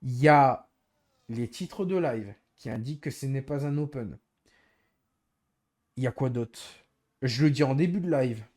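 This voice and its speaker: A male streamer talking casually to his live chat at a mid pitch. His voice is mellow and dark. He sounds exasperated as he explains himself over and over. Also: a little slow, pauses often.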